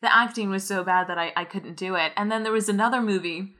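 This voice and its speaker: A woman co-hosting a podcast in casual conversation, lively and fond of retelling stories with acted-out quotes. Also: mid-range voice, quick pace. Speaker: marketing head and podcast co-host.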